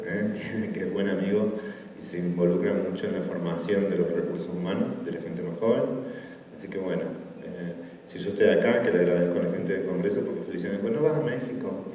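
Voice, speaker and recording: A man from Argentina with a Córdoba accent giving a relaxed conference talk, full of fillers and tag questions. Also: low-pitched, slight background noise. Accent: Argentine Spanish, Córdoba. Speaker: academic conference speaker. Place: conference room. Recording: distant, echoey hall, dull sound.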